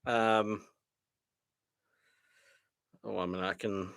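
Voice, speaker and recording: A man's voice: fairly low pitch, fairly even intonation, very slow, gravelly, fairly bright tone, smooth. A man giving live trading commentary to his viewers in a frustrated, self-deprecating way, sighing as he muses. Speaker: day trader streaming live.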